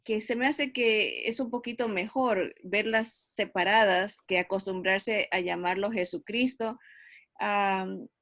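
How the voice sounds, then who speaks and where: Slow, unhurried woman teaching Bible study. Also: medium pitch, a bit bright, no echo, clean studio sound. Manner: unhurried, explanatory, frequent tag questions and hesitations.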